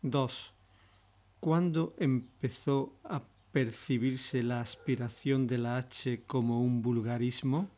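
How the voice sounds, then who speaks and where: A man giving a scripted, educational narration, speaking in a measured, deliberate way. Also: mid-range voice, steady tone, darkish tone. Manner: slow, measured, deliberate delivery. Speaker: language teacher.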